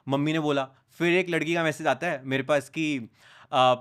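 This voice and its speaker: A young man, a guest on a podcast, telling animated stories in a casual chat and mixing English phrases into his talk. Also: on the high side, moderate pace, smooth. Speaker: news content creator, guest.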